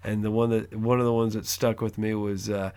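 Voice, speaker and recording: A man's voice: lowish voice, level tone, brisk, a little mellow, clear, resonant tone. Laid-back man telling a story. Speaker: podcast co-host. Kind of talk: casual chat.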